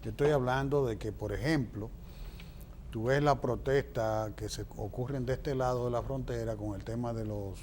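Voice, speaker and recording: A man's voice: mid-range voice, fairly even intonation, normal speed, a little mellow, slight background noise. A man with a Dominican Spanish accent giving opinionated, explanatory political answers as an interview guest, emphatic and fond of rhetorical questions.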